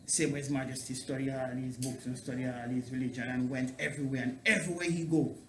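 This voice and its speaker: A man's voice: mid-range voice, fairly even intonation, quick pace. A man speaking as a Rastafarian priest in an interview, preaching in Rasta speech with patois grammar and emphatic repeated phrases. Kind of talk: preaching-like interview talk on theology. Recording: echoey room, clear background noise.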